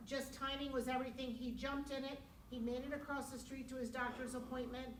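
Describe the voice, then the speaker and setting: A woman's voice: sits high, little pitch movement, brisk. A woman casually telling an anecdote as a participant at a live talk. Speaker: outpatient care coordinator, audience participant. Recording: distant, echoey room, noisy.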